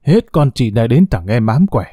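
A harsh, contemptuous middle-aged mother, put on by a man reading a story aloud, scolding. The voice is dark and mellow. The recording is close and dry. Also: medium pitch, big pitch swings, moderate pace, slightly rough, no echo.

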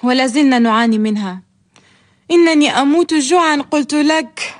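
A woman's voice: high voice, fairly quick, close to an everyday voice. An actress playing a proud, teasing young orphan woman in a radio drama, with a theatrical, haughty delivery. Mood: complaining. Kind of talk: radio drama acting in formal Arabic.

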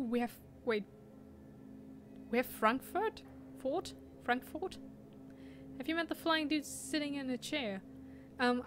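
A young streamer with a German accent laughs often as she plays a video game, chatting casually and reading chat aloud. Her voice is fairly high, with a little hiss or hum on the recording.

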